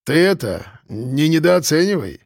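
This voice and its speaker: A man voicing a gruff, bossy watchman of about fifty. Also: a little high, big pitch swings, a little slow, dry recording, studio quality, full character voice. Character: man around fifty, stern and fussing watchman.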